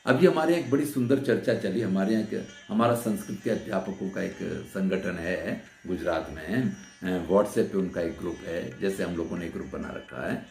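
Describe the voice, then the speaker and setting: A man's voice: deep voice, moderate pace, gravelly, few pauses. A man teaching Sanskrit grammar in a lecture, patiently explaining and asking questions of his listeners before answering them. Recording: roomy echo with soft sitar music.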